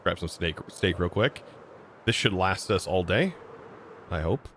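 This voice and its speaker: A man's voice: sits low, lively intonation, measured pace, fairly bright tone, a little hiss or hum. An American man streaming a game, chatting casually and answering his chat in disbelief. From United States. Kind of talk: casual livestream chat while gaming.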